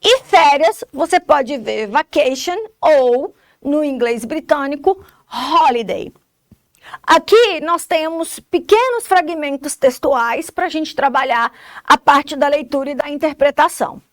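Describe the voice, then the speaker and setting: Speaking slowly and with animation, a high-voiced woman with a Brazilian Portuguese accent teaches English in a recorded lesson. She breaks each point into steps and checks comprehension with quick tags. The audio is close and dry, without echo.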